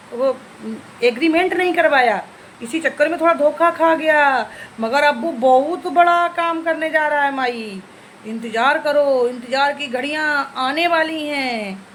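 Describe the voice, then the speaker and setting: Woman vlogger, high voice, scolding and taunting, faint room noise. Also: a bit bright. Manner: taunting, scolding, repeatedly addressing an older woman. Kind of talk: scolding reply video.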